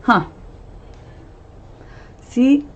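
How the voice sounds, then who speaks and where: A woman doing a casual live-stream tarot reading, chatty, laughing often and trailing off into fillers. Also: drawn-out words. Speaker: medium and tarot reader. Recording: dull lo-fi stream audio.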